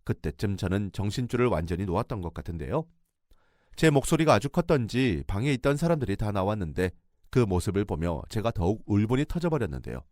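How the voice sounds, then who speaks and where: Man, radio drama storyteller, dramatic, animated intonation, dry sound. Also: on the low side, fairly quick, no echo. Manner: dramatic first-person storytelling.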